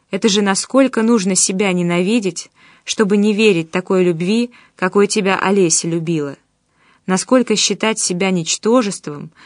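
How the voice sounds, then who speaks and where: A woman voicing Danila, a calm and compassionate man who speaks earnestly, in an audiobook. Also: medium pitch, dry recording, studio quality, lightly acted. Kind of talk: audiobook character voice.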